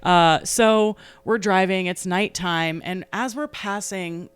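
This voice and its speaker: A young woman chatting on a podcast, her voice smooth and clear, pitched a little low. She tells stories animatedly and laughs often as she goes. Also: slow pace. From New England. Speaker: podcast co-host. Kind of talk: casual chat.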